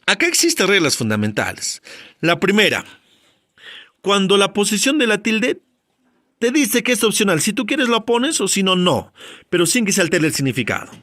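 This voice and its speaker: A man's voice: sits high, sing-song, moderate pace, sharp tone, no room sound, clean studio sound. A male teacher giving a spelling lesson, constantly quizzing with rhetorical questions and short checks for understanding. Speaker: grammar teacher.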